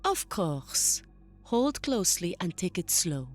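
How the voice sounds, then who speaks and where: A woman playing a gentle, reasonable ship doctor who talks calmly and considerately in a sci-fi audio drama. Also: fairly low pitch, slow pace, faint music behind, heavily acted. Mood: calm, apologetic. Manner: calm, considerate.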